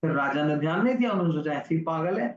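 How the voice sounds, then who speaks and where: This high-voiced man talks rapid-fire with lively intonation while teaching children a religious story in an online class. The audio is roomy and dull, and he keeps asking the class questions that he answers on his own.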